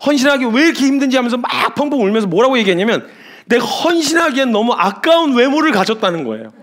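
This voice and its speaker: A man, a missionary preacher, giving a sermon with emphatic storytelling and lively asides. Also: extremely high pitch, fast talker.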